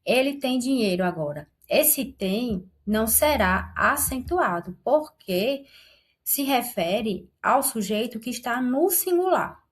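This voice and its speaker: A woman teaches grammar in an online lesson, her voice sitting a little high. She talks slowly and patiently, spelling out each point and checking that her viewers follow along. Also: animated. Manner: patient, explanatory, often checks in with "né?".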